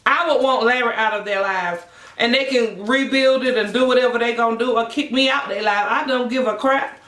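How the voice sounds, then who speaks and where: A vlogger chatting casually and bluntly to viewers between bites of food, telling things in an animated way. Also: mid-range voice, fairly quick. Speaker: mukbang vlogger. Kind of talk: casual chatty mukbang vlog while eating. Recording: echoey room.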